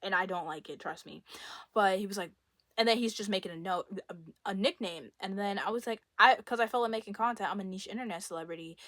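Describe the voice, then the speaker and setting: A young woman content creator spills a long, winding story straight to her audience. She talks casually and animatedly, leaning on filler words as she goes. Her voice sits at a middle pitch and sounds dry and close, with no room echo. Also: quick pace. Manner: rambling, filler-heavy, animated. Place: indoors at home.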